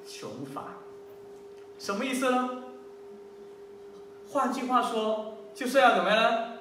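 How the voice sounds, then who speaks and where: A man preaching as a pastor, animated, full of rhetorical questions and repetition. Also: very high-pitched, slow, distant mic. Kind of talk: sermon. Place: church hall. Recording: very echoey hall, voice off-mic, faint hum.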